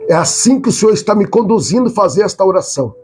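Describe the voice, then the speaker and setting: A male pastor leading a live prayer, pleading fervently, with loud high cries and quiet murmurs in between. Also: very animated, quick pace, husky, faint music behind.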